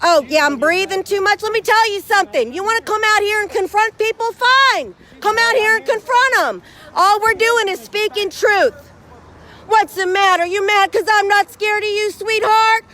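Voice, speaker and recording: A woman's voice: very high voice, normal speed, sharp tone. A woman, a protester in a heated street argument outdoors, taunting and firing off confrontational questions.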